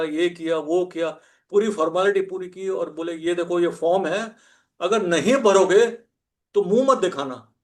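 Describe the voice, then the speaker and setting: A man in his sixties, a podcast guest telling personal stories in a humorous, self-deprecating way and chuckling often. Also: high voice. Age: 60s. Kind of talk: anecdotal conversational storytelling.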